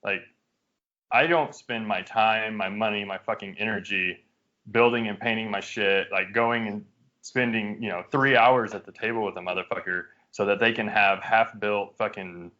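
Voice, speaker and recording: A man's voice: on the low side, moderate pace. A man co-hosting a podcast, telling a story in a casual chat among friends. He swears constantly and is riled up, with lots of fillers. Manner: profane, animated storytelling with frequent fillers. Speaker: podcast co-host. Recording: dull lo-fi podcast audio.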